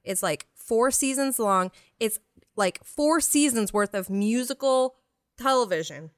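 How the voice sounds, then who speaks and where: A woman's voice: on the high side, animated, no room sound, studio quality. A woman co-hosting a casual group chat about films, bubbly and gushing. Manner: bubbly, gushing, drawn-out phrasing. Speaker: podcast co-host.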